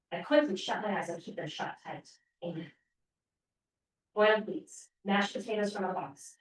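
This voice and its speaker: A woman author reads from her novel at a podium in a library room, giving the story an expressive first-person telling. The room is very echoey and her voice sits some distance from the microphone. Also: medium pitch. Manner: expressive first-person reading, brief hesitations between parts. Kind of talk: reading aloud from her novel. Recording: very echoey room, voice far from mic.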